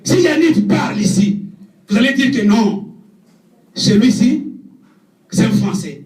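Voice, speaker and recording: A man preaching a sermon, shouting with passion and dropping low for asides. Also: big pitch swings, unhurried. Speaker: evangelist preacher. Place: church hall. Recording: echoey church from far off.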